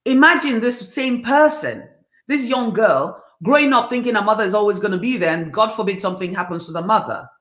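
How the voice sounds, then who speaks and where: A woman's voice: medium pitch, lively intonation, fairly quick, fairly bright tone, echoey room. Blunt, emphatic woman in her fifties. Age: 50s. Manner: emphatic, preachy, speaks bluntly and animatedly. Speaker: talk show host. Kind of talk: candid motivational monologue. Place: home living room, indoors.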